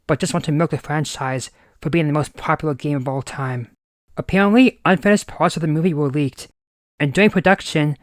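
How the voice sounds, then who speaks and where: A man's voice: on the high side, no echo, clean studio sound. A man in his late twenties giving a scripted, exasperated movie review. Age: 20s. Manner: exasperated, ranting.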